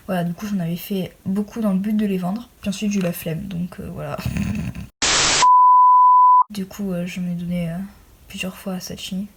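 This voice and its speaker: A woman's voice: on the low side, little pitch movement, brisk. A young woman, chatting casually and self-deprecatingly as she shows her handmade crafts. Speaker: hobbyist crafter showing handmade doll accessories. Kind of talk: casual chatty show-and-tell. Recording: noisy home recording with clicks.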